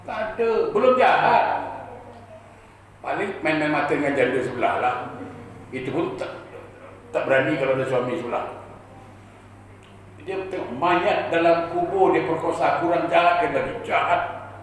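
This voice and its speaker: A man preaching a storytelling sermon, lively, with joking asides and rhetorical questions to the crowd. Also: on the high side, moderate pace, long pauses, a little hiss or hum. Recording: echoey hall, distant mic, faint ambience.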